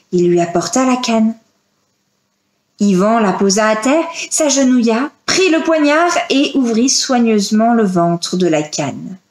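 A woman's voice: fairly high pitch, reverberant. A woman reading a children's tale aloud, voicing the characters as she goes. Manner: slow, expressive storytelling with voiced characters. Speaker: librarian reading a story.

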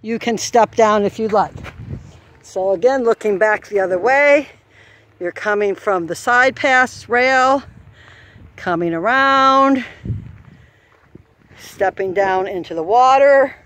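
Slow-paced woman calling a trail course. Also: mid-range voice, a bit bright, a little hiss or hum. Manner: calls out steps and trot rhythm. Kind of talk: walking course instruction. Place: outdoor farm trail course. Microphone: handheld camera while walking. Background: faint outdoor farm ambience.

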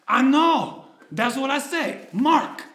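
A man's voice: very high voice, animated, slow, bright, forceful tone, pitched above the performer's own voice, heavily acted. A man voicing a short, heavyset male coworker with a Mexican Spanish accent, clipped and repeating himself. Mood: teasing. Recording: echoey theater stage.

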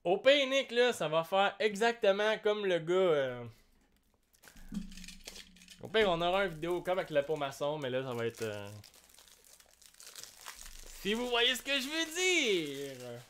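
A young man with a Québécois French accent, hosting a live card-break stream and joking with viewers in a slangy, excitable way. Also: sits high, measured pace, long pauses, a little hiss or hum. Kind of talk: live card-opening commentary.

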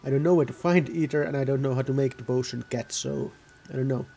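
A man's voice: mid-range voice, steady tone, quick pace, gravelly, dark tone, a little hiss or hum. A man giving casual, rambling gameplay commentary, often correcting himself mid-sentence. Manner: rambling, self-correcting, offhand. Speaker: gaming video host.

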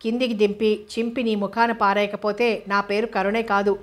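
A woman's voice: medium pitch, level tone, moderate pace, natural voice. A woman reading as a feisty little orphan girl. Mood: defiant. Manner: cheeky, combative.

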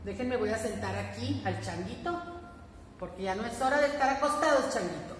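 A woman with a Mexican accent teaching preschoolers, singing and talking to them in an animated sing-song way. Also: fairly high pitch, a little fast, slight background noise. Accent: Mexican Spanish. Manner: animated sing-song, speaking to small children. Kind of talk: singing lesson for young children. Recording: echoey room, long reverb, faint ambience.

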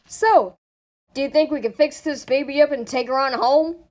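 Woman as high-voiced cheeky cartoon tiger cub. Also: moderate pace, noisy background, lightly acted. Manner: sassy, matter-of-fact.

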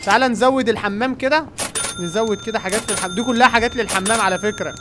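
A young man with an Egyptian Arabic accent giving excited running commentary on a game and talking to his viewers. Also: high-pitched, racing, background noise. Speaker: gaming YouTuber. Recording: game music playing behind.

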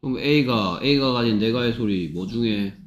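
A man's voice: medium pitch, measured pace, echoey room. A man tutoring English phonics one-on-one, drilling sounds over and over with an impatient, repetitive manner.

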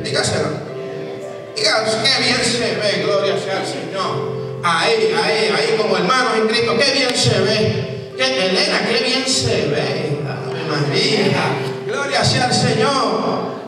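A middle-aged man preaching a fiery sermon as pastor, shouting at peaks and dropping to quiet asides, repeating his phrases. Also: very high voice. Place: church sanctuary with stage. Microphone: handheld mic. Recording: echoey church hall from far off.

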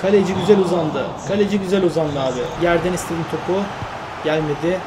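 A man commenting on his own football video game career, getting worked up and yelling at his teammates when plays go wrong. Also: a little high, fast talker, noisy background. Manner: excitable, shouts at his teammates, groans when things go wrong. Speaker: gaming YouTuber.

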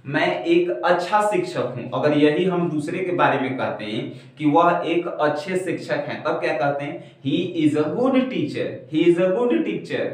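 A young man in his twenties teaching a basic spoken English lesson in a classroom at a whiteboard. He repeats each example sentence slowly and patiently. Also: a little high, animated, recorded from a distance. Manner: slow, repetitive teaching, saying each example twice. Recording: very echoey room, heard from afar.

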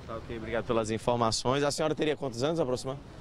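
A street reporter with a mid-range voice talks at a racing pace, delivering an urgent live news report on a busy city avenue outdoors. He questions witnesses while traffic noise runs behind him.

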